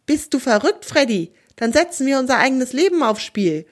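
A woman's voice: sits high, very animated, normal speed, voice pushed up. A woman voicing a brave, caring young girl in a children's storybook, earnest in tone. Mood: alarmed. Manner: earnest, concerned.

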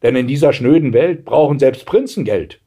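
A man voicing a sinister male masseur with a metallic-sounding, calm and mocking voice, in a storybook reading. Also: mid-range voice, moderate pace, breathy edge, pitched above the performer's own voice.

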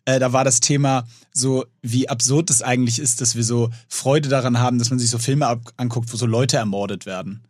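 A man in his thirties, co-hosting a casual podcast chat and telling stories with lively acted-out bits. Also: medium pitch, fairly quick, few pauses, no echo, clean studio sound. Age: 30s. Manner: animated storytelling, acts out scenes in raised voices. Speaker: podcast co-host.

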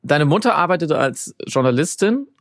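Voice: medium pitch, animated, moderate pace, dry recording. A podcast host asking attentive follow-up questions with frequent listening noises. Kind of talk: interview questions. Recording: dry close studio sound.

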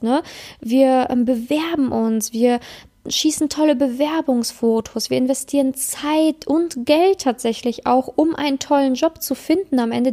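Woman, self-help coach, high voice with vocal fry and a mellow tone, talks straight to listener. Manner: addresses listener directly, tag questions, acts out inner voices. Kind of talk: motivational self-help talk.

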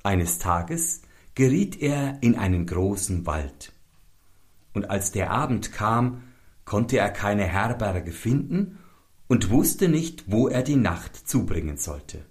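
A man narrating a fairy tale in a slow, storytelling manner. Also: fairly low pitch, very animated, a little mellow. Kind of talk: scripted narration.

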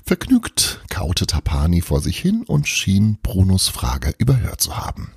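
A man narrating a Christmas audiobook chapter in a lively, playful storytelling manner. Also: deep voice, a little slow, breathy edge, no room sound, studio quality.

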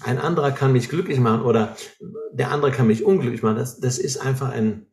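A man's voice: mid-range voice, fast, a little mellow. A man explaining ideas in an earnest way, often checking in with short tags like "right?", in a conversation. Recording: roomy echo.

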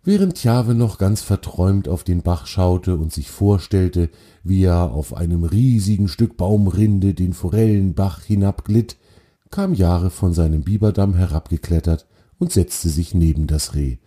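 Gentle man reading a children's story. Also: low voice, measured pace. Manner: calm, gentle and expressive.

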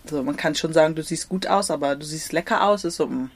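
A young German woman with a low voice talks fast and casually as an interview guest. She hesitates a lot, uses many fillers and laughs frequently.

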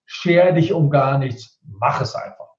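A man who works as a speaker and rhetoric coach gives emphatic advice in an interview, hammering his points home through repetition. His mid-range voice is a little slow, and the recording sounds roomy, distant and dull.

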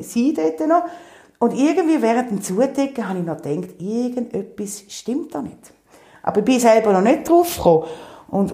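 The echo of the room surrounds a woman's medium-pitched voice, carrying a Swiss German accent, as she tells an animated personal anecdote. Casual and often laughing, she performs what she herself said back then.

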